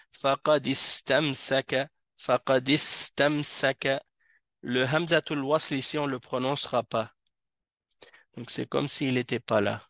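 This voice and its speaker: A man teaching an Arabic reading class in a mosque, explaining patiently and repeating each word slowly to drill pronunciation. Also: medium pitch, gravelly, a bit bright, no echo, clean studio sound. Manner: slow, repeats words and verses to drill pronunciation.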